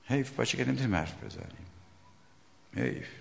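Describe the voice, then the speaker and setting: A man preaching a sermon, emphatic, swinging between loud outbursts and hushed asides. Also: mid-range voice, wildly swooping pitch, gravelly. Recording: long hall reverb.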